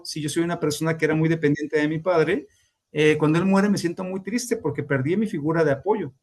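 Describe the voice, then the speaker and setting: A man lecturing on grief as a therapist, explaining steps and acting out clients' voices in quotes. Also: fairly high pitch. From Mexico. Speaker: grief therapist teaching a class.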